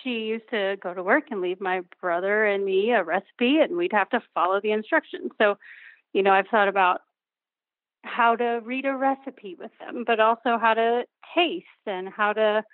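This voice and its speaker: A woman's voice: medium pitch, moderate pace, no room sound. A woman calling in over the phone as a parent, talking easily about cooking with her kids and giving short, friendly replies. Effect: heard over the phone. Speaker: caller, a parent teaching her kids to cook. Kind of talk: casual call-in chat. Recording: tinny dry phone line.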